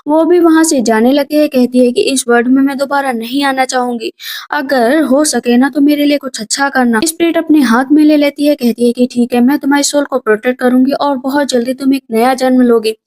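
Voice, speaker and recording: High-voiced woman recapping a movie. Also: fairly even intonation, darkish tone. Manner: storytelling, brisk plot summary. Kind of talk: scripted movie recap narration.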